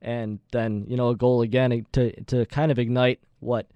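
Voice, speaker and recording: A man's voice: mid-range voice, level tone, normal speed, clear, resonant tone, no room sound, lo-fi sound. A man hosting a sports show, talking conversationally through interview questions and soccer commentary in a wordy way.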